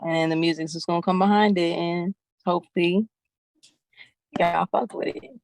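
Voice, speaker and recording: A woman's voice: lowish voice, fairly even intonation, normal speed, no room sound. Blunt, slangy young woman, dry sound. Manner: blunt, candid, swears freely, slangy. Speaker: rapper guest. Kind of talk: casual interview chat.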